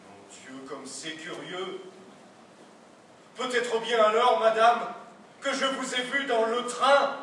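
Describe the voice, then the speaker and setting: A man's voice: extremely high pitch, a little hiss or hum, heavily acted. A man playing a stiff, ceremonious husband on stage. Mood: stiffly polite. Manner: formal, slow, ceremonious deadpan. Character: stiff, overly polite middle-class husband. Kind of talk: absurdist stage play. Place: theatre stage. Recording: echoey stage sound from a distant mic.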